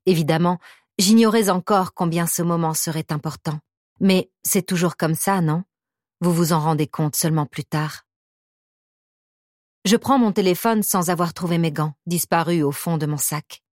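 A woman reads a novel in the first person, with a measured, intimate delivery and a touch of wry humor. Her voice sits slightly low. The studio sound is dry and close. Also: darkish tone, no echo. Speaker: audiobook narrator. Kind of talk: first-person audiobook narration.

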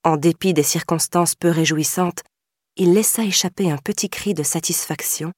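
A woman reading a crime novel aloud in a measured, scripted narration. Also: on the low side, a little mellow, dry recording, studio quality. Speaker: audiobook narrator.

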